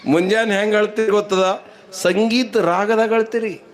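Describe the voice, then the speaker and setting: A man's voice: sits high, fairly even intonation, moderate pace. A man, a stage comedian telling folksy jokes in rhymes to a village audience. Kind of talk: humorous storytelling at a village event.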